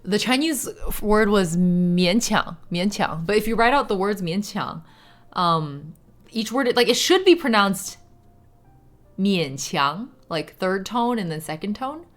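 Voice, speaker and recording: A woman who speaks Shanghainese chats casually while crafting on stream, her mid-range voice animated and moderately paced. She explains things at length, saying "like" a lot and swearing casually here and there.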